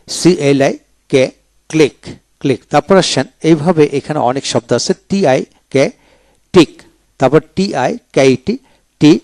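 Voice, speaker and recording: A male teacher drills vocabulary in a video lecture, spelling each word out letter by letter and saying it twice over at an unhurried pace. His voice sits slightly high for a man. The sound is dry and close. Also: a little mellow, dry recording. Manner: slow and drilling, spells words letter by letter and repeats them. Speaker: English teacher.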